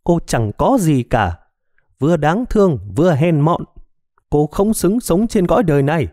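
A man's voice: a little high, lively intonation, moderate pace, dark tone, no echo, studio quality, pitched above the performer's own voice. A man voicing a spiteful, mocking female alter ego who sneers and taunts, in a storybook reading. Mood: sneering.

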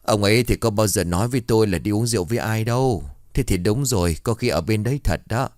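A man's voice: lowish voice, darkish tone, no echo, clean studio sound, close to an everyday voice. A man voicing an anxious village wife. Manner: anxious, hurried. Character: worried middle-aged village wife searching for husband.

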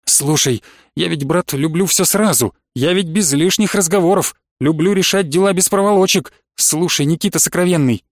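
Storybook suitor, young and impulsive, as a man reads him, pleading in a fairly high, dry voice. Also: normal speed, dry recording, natural voice. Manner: excited, pleading, blurting.

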